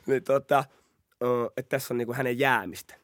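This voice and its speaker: In a laid-back storytelling chat, a young male podcast host laughs animatedly and acts out the quotes of people in his story. His voice is mid-range, captured in studio quality with no room sound.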